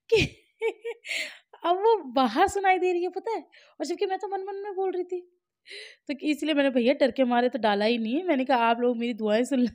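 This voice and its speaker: An Indian mother chatting casually to her viewers in a home vlog, talking freely and laughing often, dropping soft and low when she turns reflective. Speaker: family vlogger, mother.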